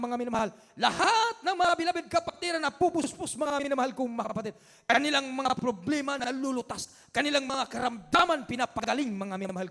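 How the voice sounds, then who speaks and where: A male preacher giving an impassioned sermon, repeating his refrain constantly and swinging between loud, urgent lines and hushed ones. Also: very high voice, gravelly. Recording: long reverb of a large hall.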